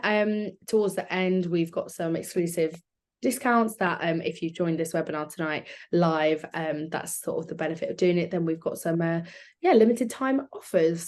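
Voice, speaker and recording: Chatty South London woman hosting, lowish voice. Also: a little mellow. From South London, England. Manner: chatty, informal. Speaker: webinar host. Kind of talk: informal live presenting to an online group.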